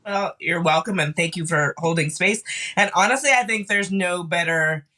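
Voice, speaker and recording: A woman guest on a podcast, grieving and tearful, talking haltingly with many restarts. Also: lowish voice, sharp tone. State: grieving, cried off and on. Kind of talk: casual chat.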